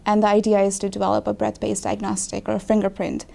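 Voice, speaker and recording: A woman's voice: medium pitch, completely flat delivery, quick pace, vocal fry, darkish tone. A young woman from Pakistan, a graduate student, talking candidly in an interview and often correcting herself mid-word. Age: young adult. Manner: thoughtful, self-correcting, candid. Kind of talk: casual interview. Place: small office with windows.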